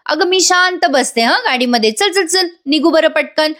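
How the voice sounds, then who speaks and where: A woman's voice: sits high, lively intonation, moderate pace, fairly bright tone, pitched above the performer's own voice. A woman reading a sweetly insistent young woman. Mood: coaxing. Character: calm, stubborn, clever young woman, Sayali. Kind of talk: voice-over retelling of a serial.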